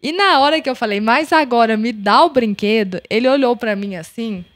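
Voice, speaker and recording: A woman's voice: fairly high pitch, moderate pace, no echo. A young adult Brazilian woman hosting a podcast, telling a personal story and acting out the dialogue in it. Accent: Brazilian Portuguese. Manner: animated, acts out the dialogue of her story. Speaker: podcast host.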